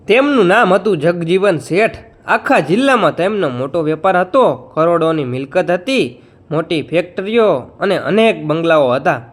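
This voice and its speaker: A man narrating a scripted, emotional moral folk tale in an expressive storytelling manner. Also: high voice.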